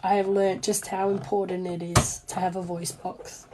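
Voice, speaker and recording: A young Australian woman, a small business owner and crafter, chats on a livestream while sewing in her home workspace, her voice hoarse and weakened as she loses it after an illness. She rambles in an informal, self-deprecating way at a mid-range pitch, level tone and normal speed. The room is noisy, with clicking sounds.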